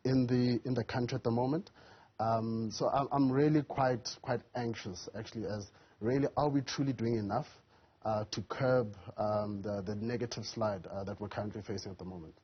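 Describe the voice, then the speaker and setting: Emphatic male guest; breathy, husky timbre; muffled broadcast audio. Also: mid-range voice, steady tone, moderate pace. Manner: emphatic, keeps stressing his key words. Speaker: youth business advocate and entrepreneur. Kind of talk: live TV panel discussion.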